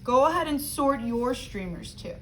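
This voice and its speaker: A woman's voice: high voice, animated, moderate pace, poor audio. A woman teaching young children a craft step by step, speaking to them directly in simple instructions. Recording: clear background noise.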